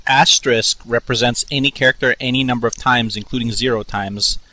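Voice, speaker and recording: A man's voice: medium pitch, fairly even intonation, brisk, bright, forceful tone, no room sound, rough recording. Man dictating commands, dry close sound. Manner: dictating typed commands piece by piece. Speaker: tutorial instructor. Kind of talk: scripted narration of a computer tutorial.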